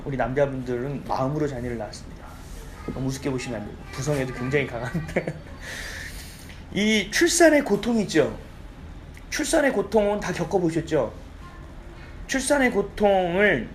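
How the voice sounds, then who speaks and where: Male pastor, chatty lively delivery, keeps asking the congregation to agree, faint church ambience. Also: high-pitched, slight background noise. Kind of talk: conversational sermon. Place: church sanctuary.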